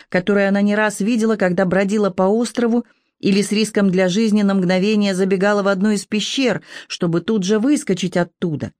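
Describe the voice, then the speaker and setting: Measured audiobook narrator, mid-pitched, dry close sound. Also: darkish tone, no room sound. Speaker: audiobook reader.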